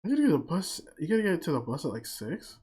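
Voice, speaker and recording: A young man from the United States hosting a podcast in casual chat, blunt and teasing and quick to swear. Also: on the high side, sing-song, darkish tone, breathy edge. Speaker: podcast host.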